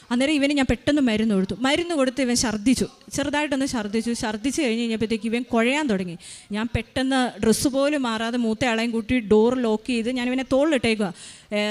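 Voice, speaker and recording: A mother giving an emotional personal faith testimony, retelling events tensely with many restarts. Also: on the high side.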